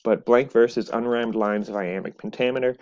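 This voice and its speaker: A man's voice: mid-range voice, steady tone, brisk. Male teacher, recorded lecture over a webcam, slightly dull sound, patient explanations. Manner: explanatory, with frequent "right?" and "so".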